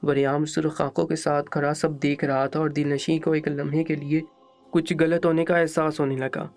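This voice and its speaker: A man narrating an emotional story in a dramatic, measured storybook style. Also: a little high, flat delivery, darkish tone, soft background music.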